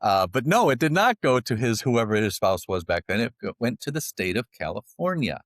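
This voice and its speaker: A man's voice: medium pitch, brisk, dry recording, clean studio sound. A man, a financial advisor guest on a podcast, telling stories with jokes and laughing at his own lines. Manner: animated, jokey storyteller who laughs at his own lines. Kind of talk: storytelling podcast interview.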